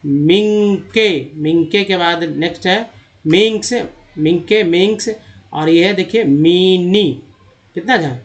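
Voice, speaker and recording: Man, high voice, teacher, slow patient word drills, reading lesson.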